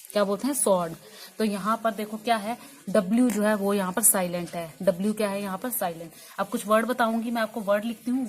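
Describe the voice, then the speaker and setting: A woman's voice: mid-range voice, darkish tone. Woman teaching english in hindi, asks students questions and repeats stuff, medium voice, bit of background hiss. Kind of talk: spoken English lesson in Hindi.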